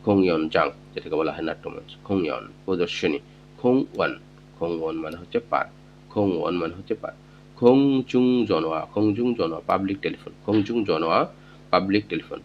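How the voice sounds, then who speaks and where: A man teaching vocabulary, saying each word and repeating it slowly before he explains it. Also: deep voice. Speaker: Korean language teacher. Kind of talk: vocabulary lesson. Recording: dull lo-fi audio with faint hum.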